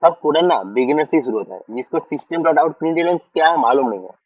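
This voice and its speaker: A young man leads a relaxed online coding class, chatting with lots of fillers and checking that everyone follows. His voice sits fairly high. The sound is dry and a little dull, like audio from a video call. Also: brisk, breathy edge, no echo. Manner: chatty, full of fillers, checks in with students often. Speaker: programming teacher. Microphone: computer mic on a video call.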